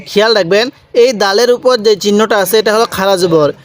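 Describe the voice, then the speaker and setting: A man teaching Quran reading, drawing out each syllable slowly, repeating sounds and asking the viewer to say them back. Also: sits high. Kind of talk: slow, patient recitation lesson.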